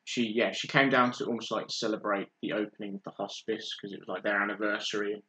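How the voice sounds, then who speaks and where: A man's voice: on the low side, steady tone, fast talker, pushed and bright, rough recording. A young man, a podcast guest, tells a story in casual chat, stopping often on fillers. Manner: hesitant storytelling with many fillers.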